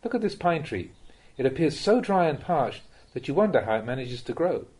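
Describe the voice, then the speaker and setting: A man reads a Buddhist Dhamma talk aloud as a monk, his voice a little high, slightly husky, and darkish in tone. He has a sing-song quality while keeping a measured, instructive manner that speaks directly to the listener.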